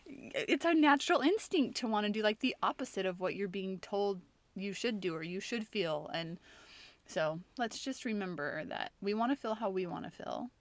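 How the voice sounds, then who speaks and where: A woman in her thirties co-hosting a casual podcast, speaking earnestly and getting animated when she acts out quotes. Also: mid-range voice, moderate pace, no echo. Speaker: podcast co-host.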